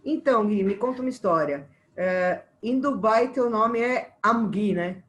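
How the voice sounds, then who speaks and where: A woman's voice: mid-range voice, animated, unhurried. Brazilian woman hosting an interview. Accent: Brazilian Portuguese. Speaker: interview host. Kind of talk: casual interview.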